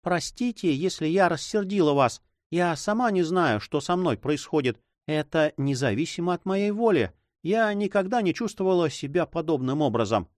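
A man's voice: on the high side, lively intonation, normal speed, few pauses, no room sound, studio quality, pitched above the performer's own voice, lightly acted. A man voicing a sad, stubborn young woman who pleads in a plaintive tone. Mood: pleading.

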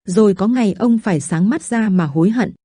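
A woman's voice: mid-range voice, brisk, mellow, slightly rough, no echo, studio quality, lightly acted. A woman voicing a tearful pleading wife. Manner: pleading, lamenting.

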